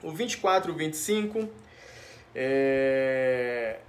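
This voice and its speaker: A man's voice: mid-range voice, animated, takes it slowly. A man with a Brazilian Portuguese accent preaching an informal sermon, often checking in with his listeners with tag questions and affectionate address. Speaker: pastor. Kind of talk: conversational sermon.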